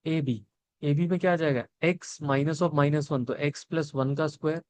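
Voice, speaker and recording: A man's voice: fairly high pitch, fairly even intonation, moderate pace, a little mellow, no room sound. A young man teaching a maths lesson, talking through each step and asking his students questions as he works. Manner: explains step by step, asks the students questions and answers them; mixes Hindi and English.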